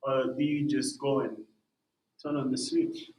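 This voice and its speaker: A young male music artist, guesting on a casual podcast interview, narrates his story with energy and constant "bro"s and "man"s. His voice sits mid-range with little pitch movement, a slightly slow pace, and a darkish tone. The roomy, echoing recording carries slight background noise.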